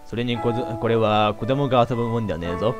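A man voicing a stern, gruff father from an older era, speaking low and firm in a rough dialect. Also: fast talker, close to an everyday voice. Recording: game music behind.

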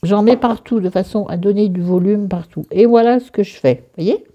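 A woman's voice: medium pitch, fairly quick, warm tone, muffled recording. A woman filming a casual skincare vlog at home, chatty and self-mocking, rambling into crude asides. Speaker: beauty vlogger. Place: bedroom at home.

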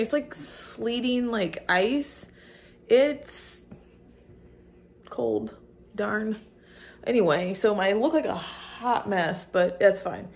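A woman in her thirties chatting casually to her phone camera in a small apartment, rambling with many ums and likes and laughing easily. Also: medium pitch. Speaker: vlogger. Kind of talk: casual clean-with-me vlog chat. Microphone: phone camera held at arm's length.

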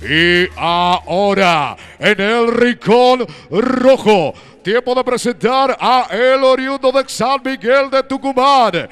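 A man announcing fighters at a fight arena, drawing out names in big booming calls. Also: a bit bright, smooth, soft background music. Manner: booming, drawn-out fighter introductions. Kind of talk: ring announcing.

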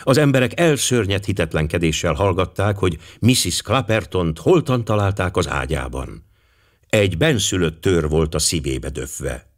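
A man reading an audiobook as the narrator, in an expressive storytelling style. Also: low-pitched. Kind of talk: scripted narration.

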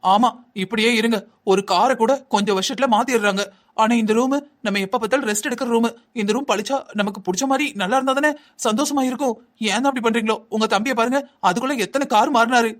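Man doing a cartoon young wife, envious, nagging, whining, high voice, fast talk. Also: a bit bright. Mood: complaining. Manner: nagging, whining, quick and insistent. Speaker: wife in a cartoon family drama. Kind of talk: Tamil cartoon voice acting.

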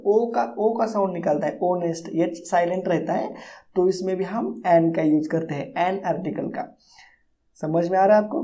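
Patient male teacher, mellow voice. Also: high-pitched. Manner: explains slowly, often checks if students understand. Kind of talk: classroom lecture on English grammar.

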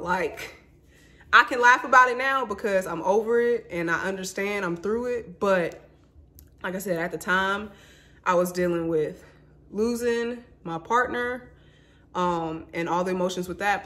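Her voice is mid-range, bright and forceful, and she keeps a measured pace. She's a vlogger in her twenties from Mississippi, speaking candidly and emotionally to her audience, whom she calls y'all and honey.

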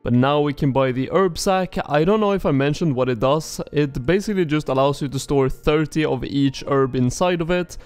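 A male gaming YouTuber talks through his own gameplay, chatty and explaining as he goes. His voice is smooth and slightly high, with faint music in the background. He sounds like he just woke up. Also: moderate pace, few pauses, darkish tone. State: morning voice. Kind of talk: casual game commentary.

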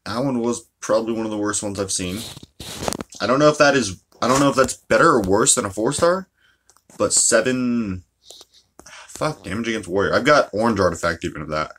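A man with a somewhat low voice talks loosely through his game session, cursing freely and griping about his luck. It is relaxed commentary with a faint hiss in the background. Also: brisk. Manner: chatty, swears freely, ranting. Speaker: mobile game player. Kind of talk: casual gameplay commentary.

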